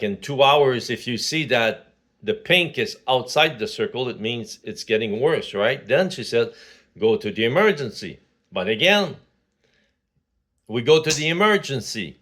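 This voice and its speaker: A man's voice: medium pitch, a bit bright. Man, sixties, from Quebec, casual vlog monologue, rambling, full of fillers and restarts. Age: 60s. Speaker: vlogger.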